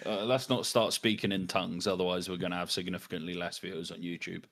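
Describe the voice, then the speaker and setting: A man with a slightly low voice co-hosts a casual live stream. He comments in a blunt, informal way and swears freely. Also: little pitch movement, fast, a bit bright. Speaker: livestream co-host.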